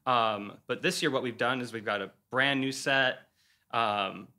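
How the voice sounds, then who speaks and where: Bright, forceful man from Wisconsin, quick with a joke; podcast guest. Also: mid-range voice. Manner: laughs easily, joking. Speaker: theater company guest. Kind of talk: casual chat.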